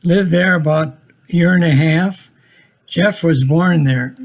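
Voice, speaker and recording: Man, 80s, from Minnesota; slow, matter-of-fact home-video narration, dry humor. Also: fairly high pitch. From Minnesota, USA.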